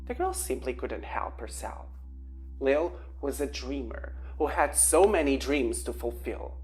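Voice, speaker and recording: A woman reading an audiobook aloud with expressive storytelling. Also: a bass voice. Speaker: audiobook narrator. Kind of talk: audiobook narration.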